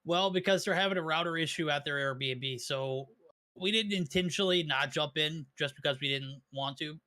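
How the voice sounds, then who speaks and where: A man's voice: on the high side, normal speed, bright, forceful tone. A man casting an online esports tournament, upbeat and joking, hyping up the match. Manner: upbeat, hype-driven and joking. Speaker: esports caster. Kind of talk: play-by-play commentary.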